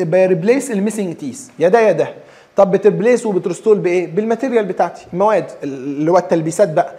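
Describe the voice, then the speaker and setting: A man with an Egyptian Arabic accent giving a lively dental lecture, acting out patients' questions and mixing in English terms. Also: high-pitched. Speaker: dentistry lecturer.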